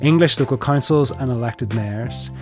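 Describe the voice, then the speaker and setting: A man's voice: mid-range voice, moderate pace, faint music behind. A man with a Belfast accent, hosting a conversational interview podcast and putting questions to guests. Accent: Northern Irish, Belfast. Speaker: podcast host.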